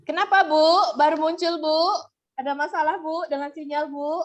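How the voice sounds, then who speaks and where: Woman lecturer, video-call class, high and unhurried, patient and lightly teasing, muffled line. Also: steady tone. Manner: patient, chatty, gently teasing. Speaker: university lecturer. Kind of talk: online class discussion. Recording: muffled video-call audio, faint noise.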